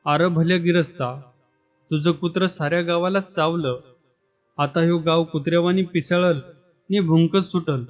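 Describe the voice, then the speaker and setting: A man's voice: on the high side, fairly even intonation, moderate pace, far from the mic, close to an everyday voice. A man voicing a rustic village shepherd who scolds in earthy dialect, in a dull recording with faint music. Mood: scolding.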